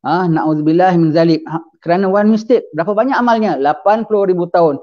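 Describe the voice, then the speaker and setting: A man's voice: high-pitched, fast talker, highs cut off. A man preaching a sermon, mixing English phrases into his speech and asking his audience questions that he then answers himself.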